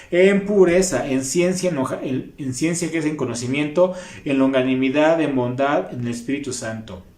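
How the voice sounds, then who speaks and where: A man with a Mexican Spanish accent preaching a sermon as a youth pastor, impassioned, reading scripture slowly. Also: a little high, darkish tone. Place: church hall. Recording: echoey church hall.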